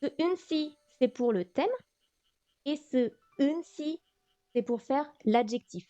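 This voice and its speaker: A woman's voice: high voice, takes it slowly, dark tone, no echo. A woman teaching a beginner language class on a livestream, thinking aloud with lots of fillers. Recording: dull lo-fi stream audio, faint music.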